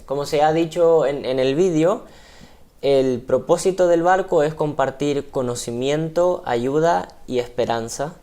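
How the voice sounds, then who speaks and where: Being interviewed on television, this Argentine-accented crew member from a ship gives long, hesitant explanations full of fillers. He speaks unhurriedly in a mellow voice of fairly high pitch.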